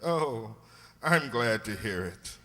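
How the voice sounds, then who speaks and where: A man playing a genteel, opinionated doctor and loyal companion, polite and expressive, in a radio drama. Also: medium pitch, slow. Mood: surprised. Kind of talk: amateur radio drama acting. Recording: long hall-like reverb.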